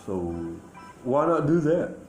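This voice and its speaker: A man talking in a rambling, halting way, full of fillers and restarts, in a casual monologue recorded outdoors. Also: a little high, a little mellow, roomy sound, faint music behind, rough recording.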